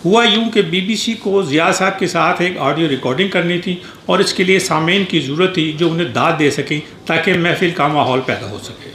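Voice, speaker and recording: A man with a fairly high voice reads a prepared memorial tribute in a formal, measured way. He sounds echoey, as in a large hall, and faint background noise runs under his words. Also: a bit bright. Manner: measured, formal reading with small restarts. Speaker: speaker at a memorial gathering. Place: reception hall at an embassy.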